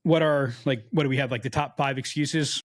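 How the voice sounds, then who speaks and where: A man's voice: medium pitch, steady tone, fairly quick. A man co-hosting a podcast in casual chat, blunt and joking, teasing his co-host.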